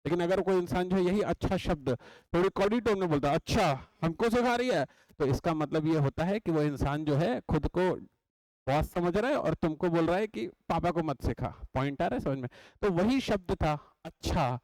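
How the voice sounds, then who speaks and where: High-voiced man teaching in a dry room. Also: expressive, normal speed, darkish tone, no room sound, rough recording. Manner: chatty, repeats points and checks understanding. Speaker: exam coaching teacher. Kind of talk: classroom lecture. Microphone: writes on a board while talking.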